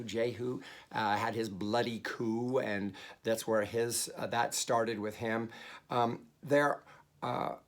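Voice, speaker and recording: Man, pastor, bible study lecture, gravelly, mid-pitched, conversational, frequent fillers and restarts. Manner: explains Hebrew words and pronunciations.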